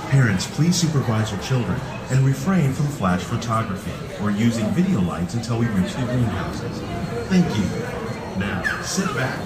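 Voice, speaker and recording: A man reading a calm, scripted safety announcement, played over a ride's outdoor loudspeaker. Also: mid-range voice, normal speed, a loud crowd. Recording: echoey, distant loudspeaker with loud noise.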